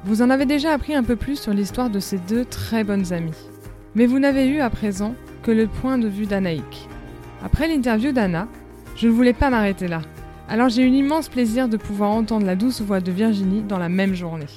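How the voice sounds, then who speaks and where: A woman hosting a podcast, introducing her guest and asking questions with effusive enthusiasm. Her voice sits a little high, with faint music playing underneath. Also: brisk, dark tone. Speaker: podcast host. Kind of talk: podcast interview and narration.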